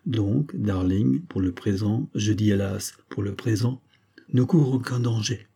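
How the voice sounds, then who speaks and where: A man's voice: on the low side, a little slow, creaky, mellow, husky, heavily acted. A man voicing a grave, formal male secret-society master in an audiobook, speaking in a solemn, ceremonious way.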